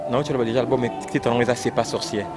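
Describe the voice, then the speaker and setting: Congolese man talking over loud music. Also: mid-range voice, fast. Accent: Congolese French. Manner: animated, repetitive, exclaiming. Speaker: fan discussing rumba music. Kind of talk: casual chat mixing French and Lingala. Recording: loud music playing behind.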